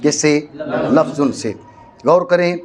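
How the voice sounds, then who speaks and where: A man's voice: a little high, a little mellow. Man teaching, quizzing phrase by phrase. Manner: dictates phrase by phrase, quizzes the student. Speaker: teacher of Arabic grammar. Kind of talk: classroom lesson.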